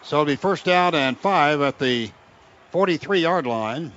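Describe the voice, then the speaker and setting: Calling college football live on radio for Oklahoma, an American man gives clipped, running descriptions of every play from an outdoor stadium, lifting into excitement on big moments. He speaks at a fairly high pitch and a measured pace. The stadium broadcast audio is dull and noisy.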